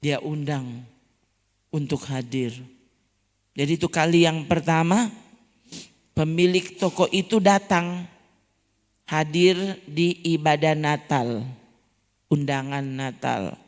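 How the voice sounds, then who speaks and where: A woman pastor with a Manado accent telling a story in a sermon, her voice jumping up high and loud at key moments. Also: slow pace, pauses often. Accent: Manado Malay. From North Sulawesi, Indonesia. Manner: lively storytelling with sudden rises in pitch and loudness. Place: church hall. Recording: long hall reverb in a church.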